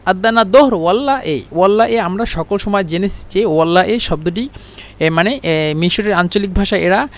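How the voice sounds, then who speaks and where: A man teaching an Arabic lesson, explaining slowly and repeating words and letters one at a time. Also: high voice. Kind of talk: spoken language lesson.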